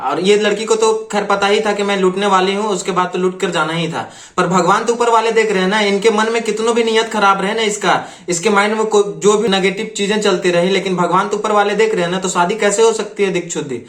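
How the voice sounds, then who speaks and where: A man's voice: sits high, a bit bright, echoey room. A man hosting a reaction video, commenting on clips in an earnest, repetitive, lecturing way.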